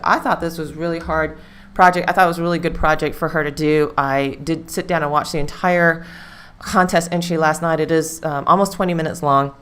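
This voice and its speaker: Hosting a live stream, a woman chats loosely and rambles, circling back to points and leaning on fillers. Her voice is low for a woman, and the talk is relaxed, casual stream chatter.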